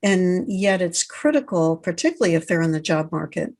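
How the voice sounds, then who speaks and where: A woman interviews her guest in a steady, fluent voice. She lays out her thoughts in full, measured sentences. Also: on the low side. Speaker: podcast host. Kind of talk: interview host.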